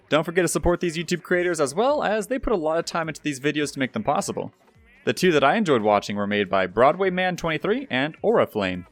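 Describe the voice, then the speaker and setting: A young adult man hosts a YouTube gaming news show, reading a script in an upbeat presenter style and speaking straight to viewers. His voice is slightly high and fairly bright, with no room sound and music in the background.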